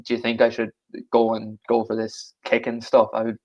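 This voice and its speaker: A man's voice: fairly low pitch, completely flat delivery, normal speed, darkish tone, lo-fi sound. A young man from Galway with a west of Ireland accent, chatting casually and in a rambling way as a podcast guest. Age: young adult. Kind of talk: casual chat.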